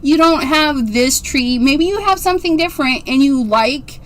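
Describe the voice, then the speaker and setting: A woman in her forties speaks at normal speed in a high-pitched voice as she hosts a casual livestream craft demo on card-making. She's chatty and rambling, gushing about how cute things are.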